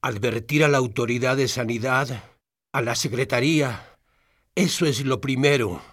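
A man's voice: medium pitch, normal speed, fairly bright tone, lightly acted. A man playing an anguished, self-blaming doctor who has gone blind, in an audio drama. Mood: subdued, grave.

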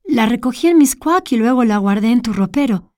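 A woman's voice: a little high, lively intonation, brisk, a little mellow, no echo, studio quality, lightly acted. A woman voicing a brusque, skeptical male engineer in a storybook reading, speaking curtly and dismissively.

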